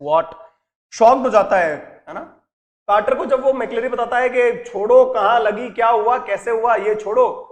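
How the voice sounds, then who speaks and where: A man teaches a story lesson in an animated way. He reads passages of the text aloud, then explains them and acts out the characters' lines. His voice sits high. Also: moderate pace. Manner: switches between reading English text and explaining.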